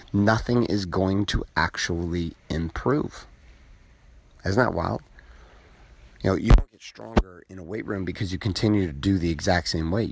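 Low, husky man talking quietly into a phone. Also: no room sound. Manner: quiet, held back to avoid waking someone asleep. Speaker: podcast host, coach. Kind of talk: casual motivational monologue.

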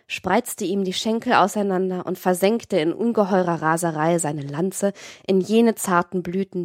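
A woman narrating a classic novel as an audiobook in a measured, literary manner. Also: medium pitch, darkish tone, no echo, studio quality.

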